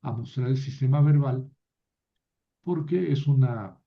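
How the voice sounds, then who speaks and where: Male lecturer, mid pitch, slow and patient, methodical with playful asides; muffled lo-fi recording. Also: gravelly. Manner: slow, patient, with frequent "¿verdad?" checks. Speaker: Biblical Hebrew teacher.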